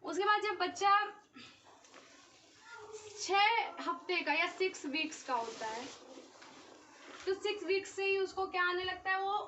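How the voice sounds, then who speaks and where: A woman's voice: very high voice, measured pace, pauses often, sharp tone, a little hiss or hum. A young woman teaching an exam-prep lesson, explaining step by step and checking in often with the class. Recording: dull, slightly distant recording.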